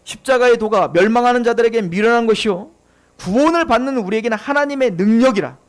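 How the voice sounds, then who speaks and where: A male pastor delivers a sermon in a notably high voice. He preaches earnestly, now and then slipping into the casual, taunting voice of a skeptic to make his point. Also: fast. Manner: acts out scoffing unbelievers in casual speech; earnest, preaching with rising and falling intensity.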